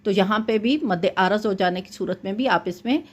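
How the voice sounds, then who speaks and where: A woman teaching Quran recitation rules, explaining each point patiently and chanting verses slowly to demonstrate. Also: medium pitch. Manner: often checks in with "thik hai". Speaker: tajweed teacher. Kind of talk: Quran recitation lesson with corrections.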